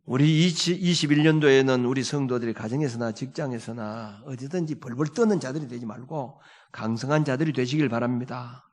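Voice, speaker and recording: A middle-aged man preaching a sermon as pastor. His delivery is emphatic, swinging between loud exhortation and quiet storytelling. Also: medium pitch, a little fast, hardly any pauses. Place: church sanctuary. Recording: long hall reverb in a church.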